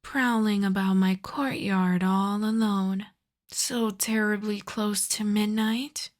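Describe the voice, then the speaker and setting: A woman playing an ancient aristocratic vampire countess in an ASMR roleplay, soft and breathy with whispers, speaking in a refined, coy, teasing way. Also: medium pitch, steady tone, slow pace, natural voice. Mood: coy, inviting. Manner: refined, coy, formal old-fashioned phrasing. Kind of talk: ASMR roleplay, slow intimate scripted monologue.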